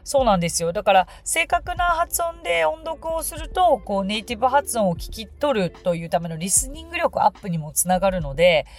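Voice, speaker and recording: A woman hosting a podcast pronunciation lesson, speaking politely and modeling words slowly for listeners to repeat. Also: fairly high pitch, sing-song. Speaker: English pronunciation teacher and podcast host.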